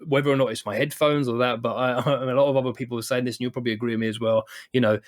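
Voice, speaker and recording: Quick british guy chatting on a podcast, keeps saying you know, restarts a lot. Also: medium pitch, fairly even intonation. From United Kingdom. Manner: rambling, many fillers and restarts. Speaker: podcast host. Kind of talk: casual chat.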